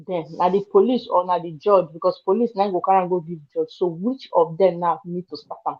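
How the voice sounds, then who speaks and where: A man with a high-pitched voice and a Nigerian accent speaks conversational Pidgin, pressing with questions. The audio is a little dull. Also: steady tone, fairly quick. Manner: questioning, probing. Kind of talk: casual discussion in Nigerian Pidgin.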